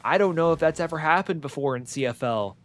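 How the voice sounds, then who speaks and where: A young man gives live play-by-play on an online football match, excitable and rambling, with plenty of filler words. His voice sits on the high side and moves fast, with no room sound.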